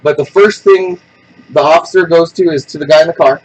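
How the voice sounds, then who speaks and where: Male podcast host, husky and fairly high-pitched, blunt, tells stories with lots of acted-out quotes. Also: brisk, muffled recording. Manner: animated storyteller who acts out quoted people; blunt and opinionated. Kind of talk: casual chat.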